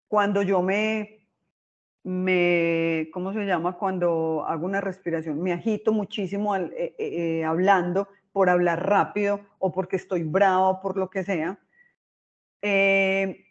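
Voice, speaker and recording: A woman giving an informal talk on emotional intelligence, expressive and often asking her listeners "right?". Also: fairly low pitch, dull audio. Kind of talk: informal lecture.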